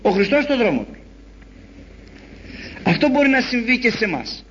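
A man preaching a sermon in an animated storytelling way, acting out the voices he quotes. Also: very high-pitched, a little hiss or hum. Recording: dull lo-fi recording.

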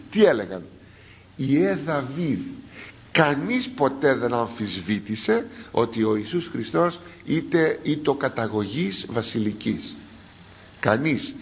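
A man preaching a sermon, explaining scripture to his congregation with animated rhetorical questions. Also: medium pitch, vocal fry. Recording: dull lo-fi recording.

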